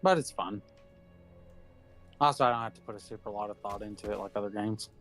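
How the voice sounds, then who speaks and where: A man's voice: lowish voice, brisk, a bit bright. A man chatting casually while gaming, laid-back, laughing often and swearing freely. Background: game music.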